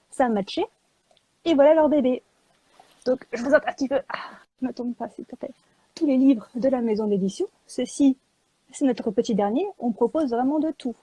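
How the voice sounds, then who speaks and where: A woman publisher and illustrator talking in a live video chat, lively and joking, filling gaps with small words. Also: on the high side, moderate pace, husky, no echo, rough recording. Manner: lively and joking, with many fillers.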